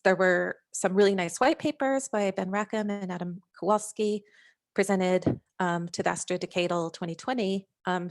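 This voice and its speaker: Woman scientist on a video call going through slides, lowish gravelly voice, lots of ums. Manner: hesitant, many fillers and restarts. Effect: heard over a video call. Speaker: scientist presenting a working-group overview. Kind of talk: slide presentation.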